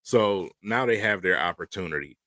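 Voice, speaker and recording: A man speaks on a casual sports panel in a very deep, forceful voice. He makes his points emphatically and drives them home by repeating them. The sound is dry and close. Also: lively intonation, normal speed, no room sound. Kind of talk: casual sports roundtable chat.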